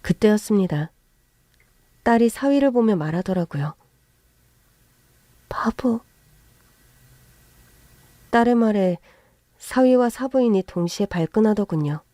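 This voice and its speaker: A woman narrates a first-person story in a steady, plain way. Her voice is mellow and warm, at a middle pitch. The recording is close and dry. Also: moderate pace, dry recording.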